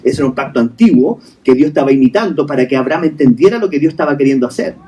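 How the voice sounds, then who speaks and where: A man's voice: medium pitch, expressive, racing, dark tone, distant mic. A male pastor preaching a sermon in a hotel hall, asking the congregation rhetorical questions and mixing English terms into his talk.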